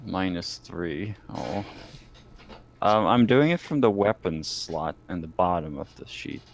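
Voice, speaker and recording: A man's voice: sits low, lively intonation, measured pace. A man playing a tabletop game, chatting casually and informally with some swearing. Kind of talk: casual gaming chat.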